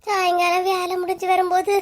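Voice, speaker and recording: A very high, shrill cartoon voice of a frightened village woman, acted by a woman, speaking with a Kanyakumari Tamil accent. She frets and pleads, then snaps at the others, always sure she has been found out over a stolen chicken. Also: completely flat delivery, fairly quick. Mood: despairing. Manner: fretful, pleading, snappish. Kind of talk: cartoon comedy voice acting.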